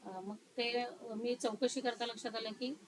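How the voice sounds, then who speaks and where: Measured woman counselor, crowd behind. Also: a little high, fairly even intonation, poor audio. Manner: thoughtful, many pauses and fillers. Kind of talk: interview.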